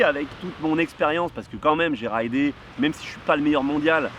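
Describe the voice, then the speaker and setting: A man, casually telling a kitesurfing story outdoors, animated and full of fillers. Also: medium pitch, dull audio, slight background noise. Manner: lively, animated, heavy on fillers. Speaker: kitesurf vlogger. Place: outdoors near a surf spot.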